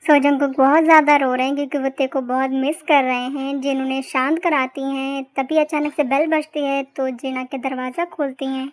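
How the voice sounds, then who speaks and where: High-voiced woman narrating a fan story. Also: level tone, normal speed, hardly any pauses.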